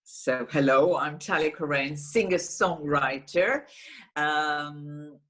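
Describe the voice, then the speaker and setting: A woman in her forties with an Israeli accent, a singer-songwriter talking slowly and thoughtfully on a video call interview. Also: low voice. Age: 40s. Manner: slow and thoughtful, with frequent restarts and laughs. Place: small room at home, indoors.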